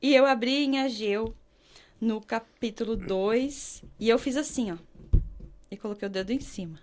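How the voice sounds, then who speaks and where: A woman from Brazil earnestly telling a personal faith testimony, slowing down when she reads scripture aloud. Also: a little high. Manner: earnest, emotional storytelling, slows to read scripture. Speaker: guest sharing her testimony.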